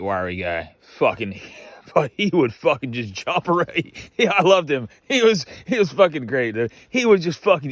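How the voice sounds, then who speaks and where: A man's voice: on the high side, no echo, clean studio sound. A man from Washington State telling casual stories as a Marine veteran, rambling, swearing heavily and laughing often. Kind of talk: casual storytelling.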